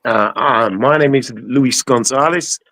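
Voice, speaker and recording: Man, bright and sharp tone, dry close sound, rambling, stammering restarts, interview guest. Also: mid-range voice, a little slow, no echo, rough recording. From England. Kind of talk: live-streamed interview. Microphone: video call.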